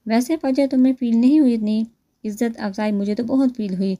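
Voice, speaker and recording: A woman's voice: on the high side, dark tone, no room sound, lightly acted. A woman voicing a rude young man who mocks and teases, read in a plain storytelling voice. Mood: teasing. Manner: mocking, teasing.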